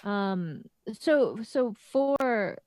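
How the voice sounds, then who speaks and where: A woman's voice: medium pitch, expressive, drawn-out words, a little mellow, no room sound. A woman playing a tabletop game, casually asking questions. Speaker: player.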